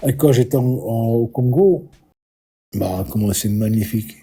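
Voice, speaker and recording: A man's voice: mid-range voice, normal speed, vocal fry, warm tone, a little hiss or hum. A middle-aged man from Belgium calling into a live stream, speaking earnestly and a bit hesitantly. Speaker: caller. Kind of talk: casual conversation.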